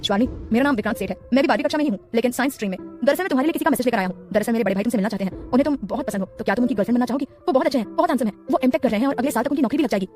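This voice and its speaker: A polite teenage schoolboy, eager and quick with his words, as a woman narrator voices him. The voice stays fairly high and rushes along, like a character in a storybook. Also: darkish tone, soft background music, natural voice.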